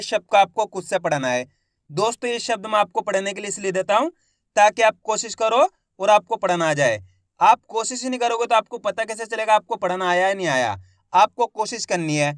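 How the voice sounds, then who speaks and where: A man's voice: high-pitched, no echo, studio quality. A man teaching a reading lesson step by step, sounding out each word syllable by syllable, repeating it and asking his viewers quiz questions. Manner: addresses viewers as friends, asks quiz questions.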